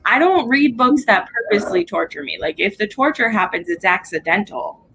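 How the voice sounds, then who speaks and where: On a noisy home livestream, a woman taking part in a group readalong by video call talks casually about books as a reviewer. Her medium-pitched voice is expressive, fairly quick, pushed and bright.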